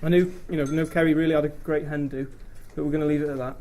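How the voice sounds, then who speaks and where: A man's voice: on the high side, fairly even intonation, dark tone, a little hiss or hum. A young man giving an informal, hesitant thank-you speech as the groom at a wedding. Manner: hesitant, halting delivery.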